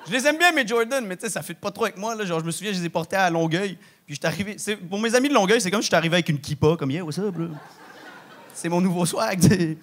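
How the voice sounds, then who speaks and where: A young man with a Québécois French accent performing a stand-up comedy set, talking in a slangy, animated way peppered with swears. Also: sits high, rapid-fire, hardly any pauses. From Quebec. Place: large theatre stage with live audience.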